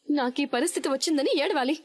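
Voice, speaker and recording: A wronged young daughter-in-law in a TV serial, played by an actress. She speaks in a very high voice at a rapid clip. Her tone is indignant and pleading. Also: lightly acted. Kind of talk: TV serial acting.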